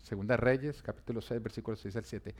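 A man's voice: lowish voice, fairly even intonation, brisk, a little mellow. A man pastor preaching a sermon, repeating key lines and pushing emphasis up on important phrases.

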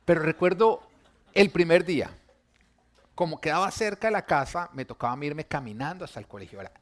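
A man, a pastor, preaching a sermon told through personal stories, talking conversationally and dropping to a soft voice for tender moments. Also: a little high.

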